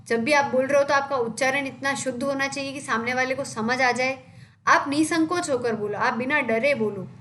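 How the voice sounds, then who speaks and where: High-voiced woman teaching a lecture. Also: fairly bright tone, a little hiss or hum. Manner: explanatory, asks and answers own questions. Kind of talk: exam-prep lecture.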